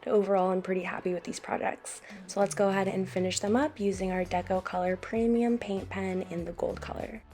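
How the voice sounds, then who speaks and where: Mellow-voiced American woman guiding a craft tutorial. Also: medium pitch, a little fast, hardly any pauses. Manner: calm, step-by-step instructional. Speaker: craft channel host. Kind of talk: tutorial voice-over.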